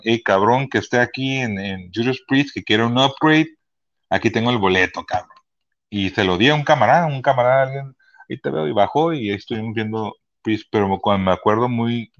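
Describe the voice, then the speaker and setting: A man, telling concert stories as a podcast guest in a casual, profane, animated way. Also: mid-range voice, lo-fi sound. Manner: profane, animated, many restarts. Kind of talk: casual storytelling chat. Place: Chula Vista hospital.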